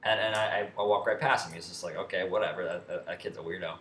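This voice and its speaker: A man's voice: sits low, fairly even intonation, fast talker, fairly bright tone. A young man telling a story in a rambling, profane way, with many restarts and fillers. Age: young adult. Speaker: vlogger. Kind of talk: casual storytelling rant. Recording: echoey room with faint ambient noise.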